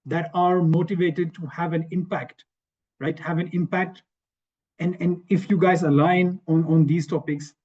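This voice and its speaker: A Swedish man with a fairly high, dark-toned voice speaks on an online webinar panel. He talks conversationally alongside slides, often repeating phrases and checking in with "right?". The audio is dull, lo-fi video-call sound.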